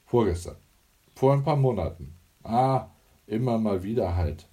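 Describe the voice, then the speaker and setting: A man's voice: fairly low pitch, lively intonation, unhurried, mellow. A man voicing a breezy, teasing young adult daughter in an audiobook.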